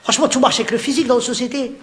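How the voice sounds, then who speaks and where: A man performing stand-up comedy, teasing the crowd in rapid banter and shouting his punchlines. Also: very high voice, steady tone. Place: theatre stage before a live audience. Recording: live show with audience laughter and noise.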